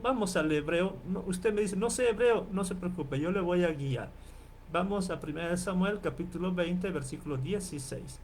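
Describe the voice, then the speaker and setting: A man lecturing as a professor in an online class, explaining and repeating terms slowly and checking in with his listeners often. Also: high voice, darkish tone, slight background noise. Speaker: Bible professor.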